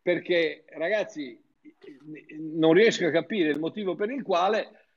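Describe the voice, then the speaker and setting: A man's voice: a little high, a little slow. A man preaching in an informal, fervent teaching style, talking to his listeners like friends and often restarting his sentences. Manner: fervent, chatty, with frequent restarts. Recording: dull lo-fi sound.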